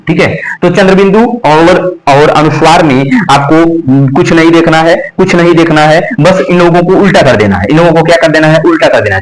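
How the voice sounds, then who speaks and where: A man's voice: mid-range voice, low-quality recording. A man teaching Hindi grammar, repeating terms and asking and answering his own questions as he drills pronunciation. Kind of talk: classroom lesson.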